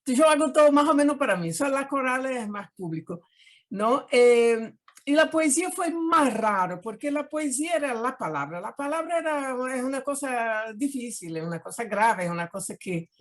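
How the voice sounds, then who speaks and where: In a relaxed interview conducted by video call, the guest artist, an older Brazilian woman, talks expressively in Portuguese-accented Spanish, often tagging on questions. She sounds high-pitched and animated, speaking at a moderate pace.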